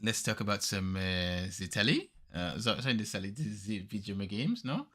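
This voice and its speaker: A man's voice: fairly low pitch, animated, moderate pace, fairly bright tone. A man hosting a podcast, talking casually and at length about games he plays with friends, with lots of fillers. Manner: rambling, filler-heavy, laid-back. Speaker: podcast host.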